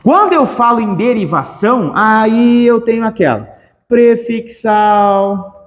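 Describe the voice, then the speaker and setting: A man teaching a grammar lesson for exams, energetic and playful, stretching out key words. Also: extremely high pitch, moderate pace, long reverb tail. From southern Brazil. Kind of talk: exam-prep grammar lesson.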